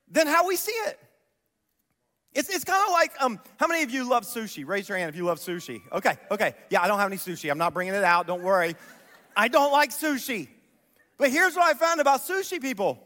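High-voiced man preaching in a reverberant hall. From Columbus, Ohio. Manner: animated storytelling, rhetorical questions to the audience. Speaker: pastor. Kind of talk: sermon.

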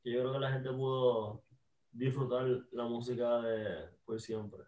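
A man's voice: medium pitch, steady tone, measured pace, darkish tone, echoey room, far from the mic. A young man chiming in casually during a podcast chat. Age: young adult.

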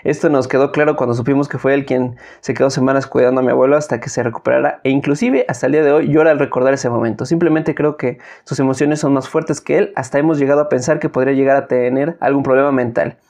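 Fast-talking Mexican man, podcast co-host. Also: mid-range voice, steady tone, darkish tone. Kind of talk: casual podcast chat, reading a story.

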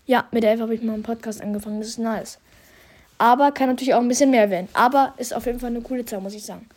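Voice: medium pitch, fairly even intonation, fast talker, darkish tone. A young podcast host with a congested, stuffy nose, chatting casually and reading out statistics in youthful slang. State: slight head cold. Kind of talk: casual year-in-review commentary, reading out statistics.

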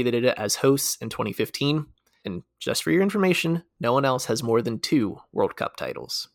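An American man co-hosting a casual talk show, leading the segments with lively, fact-filled explanation. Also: medium pitch, dry recording, clean studio sound. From United States. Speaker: podcast co-host.

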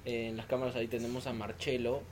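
Man, mid-pitched voice, informal podcast guest, casual chat, noisy outdoor terrace. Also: level tone, quick pace, darkish tone. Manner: joking, informal. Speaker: band vocalist, podcast guest.

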